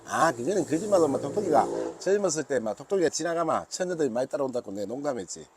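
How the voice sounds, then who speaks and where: A man's voice: fairly high pitch, lively intonation, quick pace, over music. A man in his sixties with a Gyeongsang accent, a rod maker chatting to camera about his product, joking and calling himself by his nickname. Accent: Gyeongsang Korean. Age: 60s. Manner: jokey, calls himself by nickname, bantering with himself. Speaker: fishing rod maker and seller. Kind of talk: casual product talk to camera.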